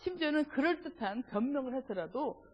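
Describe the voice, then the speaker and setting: A woman giving a church family seminar lecture, lively and engaging, asking the audience questions. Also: high-pitched, a little fast, slightly rough. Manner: acts out quarrels between spouses in quoted voices. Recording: dull lo-fi recording in a reverberant hall.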